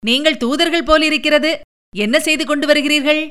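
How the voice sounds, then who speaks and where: A woman voicing a sly, quick-witted man who presses others with quick questions in an audiobook story. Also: high-pitched, a bit bright, voice pushed up. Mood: urgent.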